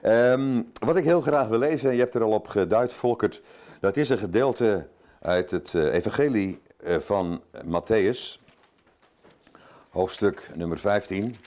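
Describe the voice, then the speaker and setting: Older male guest preacher, somewhat low voice, informal and self-joking from the pulpit. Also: measured pace, a little mellow. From Zeeland, Netherlands. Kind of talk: sermon.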